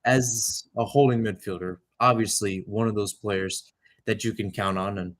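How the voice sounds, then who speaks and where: A young male play-by-play commentator with a lowish, fairly bright voice keeps a steady tone and normal speed while calling soccer as if on live radio. Rambling, chatty asides creep in, and he corrects himself along the way.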